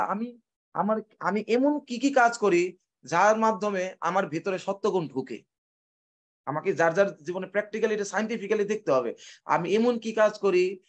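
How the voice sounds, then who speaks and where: A man with a high voice preaching a devotional sermon. He poses questions and answers them himself, and he slows down to chant and recite verses. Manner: asks and answers his own questions.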